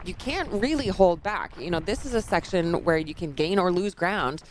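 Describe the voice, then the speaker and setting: Woman commentator, 30s, low pitch, chatty and easygoing, live race call. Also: animated, normal speed, noisy background. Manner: chatty, laughs often, draws on own racing.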